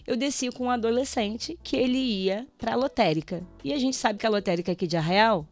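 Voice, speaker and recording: Radio guest, female, higher register; lively testimonial storyteller who acts out dialogue, light music bed. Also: a little fast. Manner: animated storytelling, acts out prayers and dialogue, laughs often. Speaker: radio show guest, teacher. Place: radio studio.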